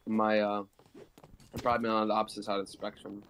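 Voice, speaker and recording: A man chatting and joking with friends while playing an online game, getting loud and excited. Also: on the low side, fast talker, a little hiss or hum. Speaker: player. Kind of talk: gameplay voice chat.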